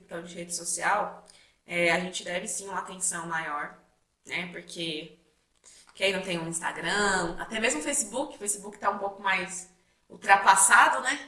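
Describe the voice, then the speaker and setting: Bright-voiced young woman, chatty co-host. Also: lowish voice, unhurried. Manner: chatty, frequent tag questions. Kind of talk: casual conversational chat. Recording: echoey room, mic at a distance.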